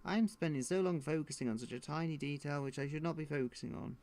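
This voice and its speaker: A man's voice: fairly high pitch, fast, a little mellow. A man streaming his drawing, thinking aloud in a muttering, self-deprecating way.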